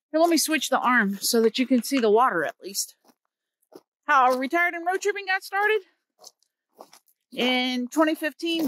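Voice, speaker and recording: Her phone at arm's length, a fifty-something Missouri woman vlogs casually as she hikes winter woods by a creek, chatting earnestly and sharing stories. Her high voice is a bit bright, and the poor audio carries slight background noise.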